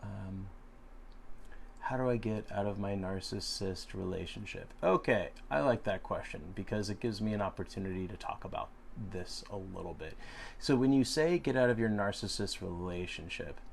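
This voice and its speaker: A man's voice: on the low side, vocal fry, a little hiss or hum. A man in his late thirties hosting a casual live Q&A, answering viewer questions in a frank, rambling way with frequent fillers and restarts. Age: 30s.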